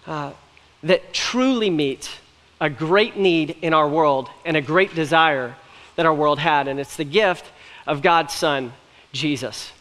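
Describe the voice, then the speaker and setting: A man's voice: on the high side, fairly bright tone. A young man giving a sermon as pastor, earnest and conversational, with light jokes, on stage in a church. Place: church stage with a large hall. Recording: long hall reverb from a church room.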